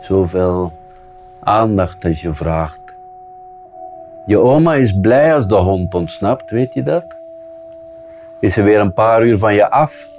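A man's voice: fairly low pitch, animated, slow pace, pauses often, darkish tone, soft background music. A man reading Randy Peck, sneering grown man. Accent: Flemish. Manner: sneering, teasing. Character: mocking, condescending grown man. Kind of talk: children's book read aloud.

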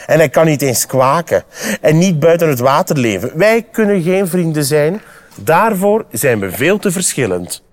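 A Flemish man voicing a smug, mocking male frog with a croaking voice in a children's storybook reading. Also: on the high side, very animated, moderate pace. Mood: scornful. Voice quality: croaking, teasing.

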